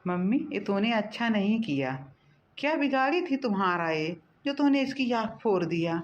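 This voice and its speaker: A woman's voice: mid-range voice, animated, moderate pace, lightly acted. A woman voicing a young adult son and husband in a cartoon, protesting to his mother. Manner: pleading, protesting. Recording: dull lo-fi recording.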